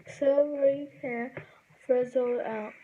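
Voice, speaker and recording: Slow, halting woman reading a storybook. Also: high-pitched, fairly even intonation, mellow, highs cut off, a little hiss or hum. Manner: slow, halting read-aloud with self-corrections. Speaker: reader. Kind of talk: reading a children's book aloud.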